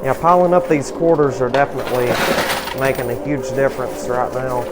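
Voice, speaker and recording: A man's voice: mid-range voice, brisk, very noisy. A man hosting a video with casual, wordy, folksy gameplay commentary. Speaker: video channel host.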